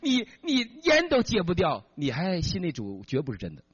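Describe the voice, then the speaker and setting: Brief: man doing a scolding middle-aged wife, indignant and sharp-edged, husky tone. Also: on the low side, huge pitch swings, normal speed, in a large hall, dull audio, heavily acted.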